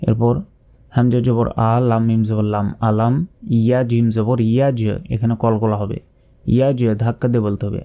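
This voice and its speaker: A man with a mellow, dark voice teaches Quran recitation, breaking each word into its letters and vowel marks. He drills slowly and patiently, pointing out where learners usually go wrong. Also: mid-range voice, level tone. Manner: slow, letter-by-letter drilling and correcting common mistakes. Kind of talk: spelled-out Quran pronunciation lesson.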